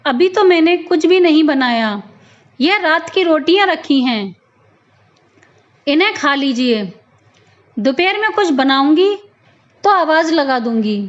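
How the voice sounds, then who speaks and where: A woman's voice: high voice, lively intonation, unhurried, pauses often. A woman voicing a polite but evasive young daughter-in-law in a storybook tale, on a slightly dull lo-fi recording.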